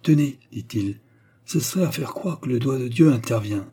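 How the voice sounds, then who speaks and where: A man's voice: medium pitch, animated, normal speed, dark tone, breathy edge. A man voicing an earnest, resolute nobleman who exhorts his brother, in an audiobook reading.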